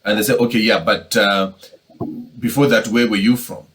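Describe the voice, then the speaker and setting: A man's voice: lowish voice, fairly even intonation, moderate pace, fairly bright tone, slight background noise, poor audio. A man moderating a casual panel discussion, talking conversationally and acting out quoted exchanges.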